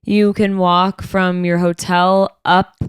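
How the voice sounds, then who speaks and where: A woman's voice: lowish voice, little pitch movement, takes it slowly, smooth, no room sound, studio quality. Playful, teasing woman podcast co-host. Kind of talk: casual chat.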